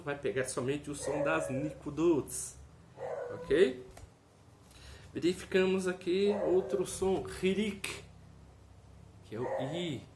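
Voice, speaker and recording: A man teaches in a casual video lesson, walking through each point and voicing sounds aloud for the viewer. His voice sits a little high. The room is echoey, with a faint hiss behind him. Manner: explanatory, tag questions, demonstrates sounds aloud.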